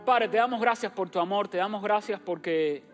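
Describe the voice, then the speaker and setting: A pastor from Cuba speaks, giving church announcements in a direct, encouraging way. He addresses the listeners as brothers and sisters. Soft instrumental music plays faintly behind him in the sanctuary. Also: high-pitched, moderate pace.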